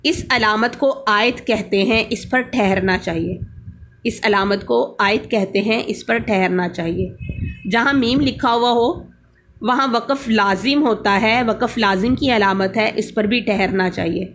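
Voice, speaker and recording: Woman teaching Quran pause marks. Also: mid-range voice, a bit bright. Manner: explains slowly, repeats key rules. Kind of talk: religious lesson.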